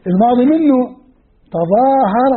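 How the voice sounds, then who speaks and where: A man's voice: very high voice, lively intonation, a little slow, husky. A man teaching a class on the Quran, counting off lists and quizzing his students. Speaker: sheikh teaching Quranic sciences. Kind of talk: classroom lecture. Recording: tinny phone-like lo-fi recording.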